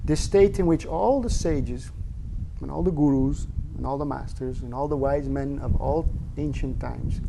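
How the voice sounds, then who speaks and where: A man's voice: medium pitch, moderate pace, creaky, noisy background. A man, a spiritual teacher, giving an earnest, reflective satsang talk with casual asides and rhetorical questions.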